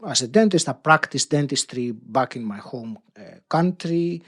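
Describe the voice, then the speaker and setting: A man in his fifties talks through his story at a middle pitch. He speaks in a measured, thoughtful way and breaks into soft laughter now and then. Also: lively intonation, slightly rough. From Greece. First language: Greek. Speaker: podcast guest, coach. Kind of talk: interview answers.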